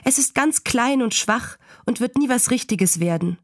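A woman voicing a farm mother who talks calmly and firmly. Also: a little high, normal speed, dry recording, studio quality, pitched above the performer's own voice, natural voice. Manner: calm and firm. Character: firm, matter-of-fact farm mother.

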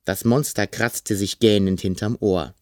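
A man reading a children's story aloud, expressive and acting out the scenes. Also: on the low side, measured pace, no echo, clean studio sound. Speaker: narrator.

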